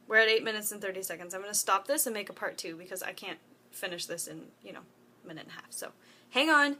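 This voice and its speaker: A young woman vlogs casually into a propped-up phone in a room at home. Her tone is bright and forward. She rambles and wanders into asides, filling the gaps with lots of ums and likes. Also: medium pitch. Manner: chatty, rambling with many fillers and asides. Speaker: vlogger. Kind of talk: casual talk to camera. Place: room at home with a window open.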